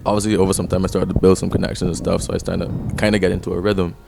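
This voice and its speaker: A rapper and songwriter in his twenties from Barbados speaks casually and reflectively as a podcast guest. His deep, creaky voice stays level and comes rapid-fire, heard over music.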